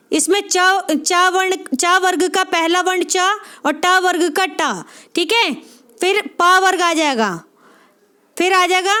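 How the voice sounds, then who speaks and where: A woman with a strikingly high voice delivers an exam-prep lecture. She goes step by step, repeats key points and keeps checking that listeners follow. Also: pushed and bright. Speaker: teacher.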